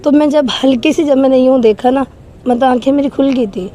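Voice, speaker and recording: A woman's voice: high voice, fairly even intonation, mellow. A woman recounting a frightening personal experience in an interview, her voice trembling and shaken as she tells it earnestly. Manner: emotional, earnest storytelling.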